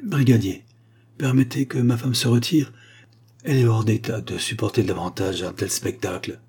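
A man voicing a middle-aged country gentleman and husband, courteous and commanding in a measured way. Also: fairly low pitch, vocal fry, husky, full character voice. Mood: composed, formal.

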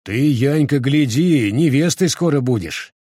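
A man's voice: medium pitch, animated, measured pace, warm tone, slightly rough, dry recording, clean studio sound, voice pushed up. A man voicing a bearded peasant father who teases his children fondly in a storybook reading. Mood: fond teasing.

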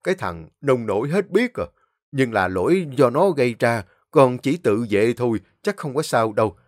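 A man voicing a gruff, bossy older uncle with a Southern Vietnamese accent. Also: medium pitch, expressive, normal speed, no room sound, clean studio sound, natural voice. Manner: blunt, bossy.

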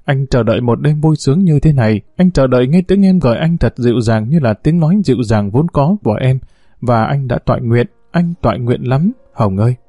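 Man doing a lovesick timid young gangster, hesitant, mellow voice, dry recording, storybook. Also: medium pitch, expressive, fairly quick, dry recording, close to an everyday voice. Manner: hesitant, pleading talk. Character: timid, lovesick young male gang member.

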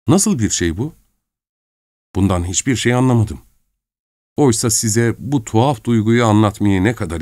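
A man narrating an audiobook in the first person, reading in a measured, expressive way. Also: fairly low pitch, no room sound, studio quality.

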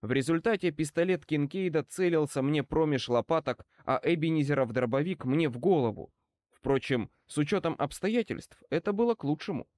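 A male audiobook narrator reading a first-person story with brisk, expressive energy. His voice sits somewhat high for a man. The recording is close-miked and dry. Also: no room sound.

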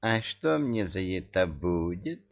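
A man voicing a lazy, scheming talking cat who drawls slowly in an audiobook. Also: sits low, big pitch swings, lo-fi sound, full character voice. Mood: drawling. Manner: drawling, slow.

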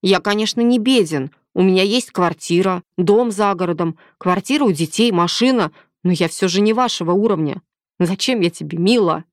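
A woman's voice: medium pitch, moderate pace, dry recording, lightly acted. A weary lawyer in his forties, read by a woman narrator, speaking in a tired, guarded, irritable tone. The recording is dry and close. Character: weary middle-aged man, lawyer, forty-five.

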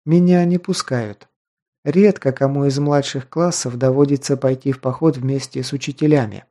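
A man reading an audiobook, voicing a proud but sheltered young noble girl in a raised, softened voice. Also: medium pitch, fairly even intonation, normal speed, lightly acted.

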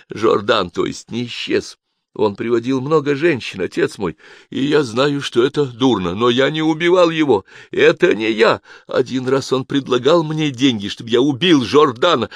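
A man reading an audiobook, voicing a frightened, hoarse jail guard who pleads and nearly cries. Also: lowish voice, no echo, close to an everyday voice. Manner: panicky, pleading, near tears. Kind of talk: audiobook character voice.

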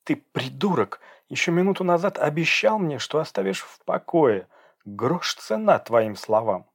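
A man voicing a furious, defiant young pregnant woman who shouts and pleads in a raised voice. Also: fairly high pitch, animated, unhurried, pitched above the performer's own voice.

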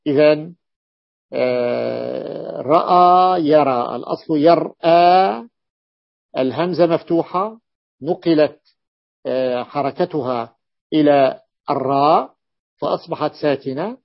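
A man with a fairly high voice teaching grammar, walking through word patterns step by step and repeating each key form. The recording is dull and lo-fi. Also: slow, creaky. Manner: repeats key forms and invites the reader to continue. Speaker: teacher of Arabic morphology. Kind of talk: explaining a classical grammar text.

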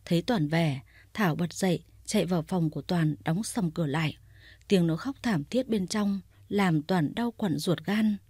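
Low, husky woman narrating a story. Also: moderate pace, a little mellow, no room sound, studio quality.

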